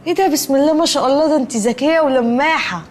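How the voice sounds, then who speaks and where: A woman's voice: sits high, rapid-fire, a little hiss or hum, lightly acted. An actress playing a chatty, scatterbrained young woman in a TV comedy, with an Egyptian accent and a wheedling, sing-song manner. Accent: Egyptian Arabic. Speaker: sitcom character. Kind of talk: TV comedy acting.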